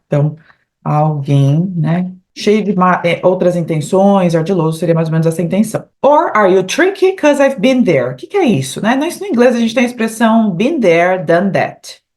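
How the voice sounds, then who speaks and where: A Brazilian woman with a Brazilian Portuguese accent, teaching English in an online lesson. She explains patiently, repeats English phrases slowly and often adds "né?" and "tá?" at the end of her phrases. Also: fairly low pitch, darkish tone.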